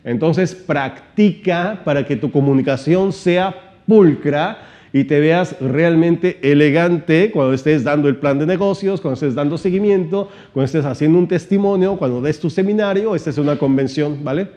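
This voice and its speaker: A man giving an animated seminar-style teaching talk, shifting his volume and pitch and asking many rhetorical questions. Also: moderate pace, muffled recording. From Mexico. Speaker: motivational trainer.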